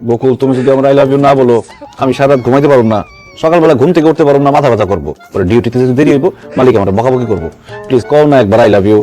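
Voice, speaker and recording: Man doing young husband, Bangladeshi Bengali accent, pleading, quick, faint music behind. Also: medium pitch, natural voice. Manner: pleading, excitable. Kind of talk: comic short drama acting.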